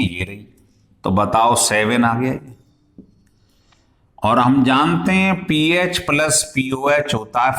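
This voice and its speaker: A man's voice: mid-range voice, a bit bright. Man teaching in an echoey room. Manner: explains step by step and quizzes students. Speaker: chemistry teacher. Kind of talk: classroom lecture.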